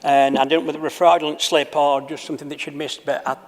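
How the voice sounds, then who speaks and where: A man's voice: fairly high pitch, little pitch movement, very fast. Sardonic man in council. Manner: pointed, sardonic. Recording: echoey chamber, faint noise.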